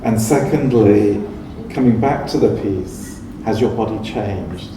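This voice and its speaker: A man, a ceramic artist on a live panel, jokes lightly and asks thoughtful questions in a slightly low voice. He sounds distant in an echoey hall, with clear background noise. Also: unhurried. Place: large art fair hall.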